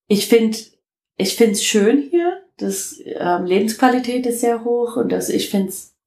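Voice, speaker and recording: American woman with a gravelly voice. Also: lowish voice, a little mellow, echoey room, low-quality recording. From United States (Detroit). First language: English. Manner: halting, many fillers, laughs often. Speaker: interview guest. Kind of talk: casual interview talk.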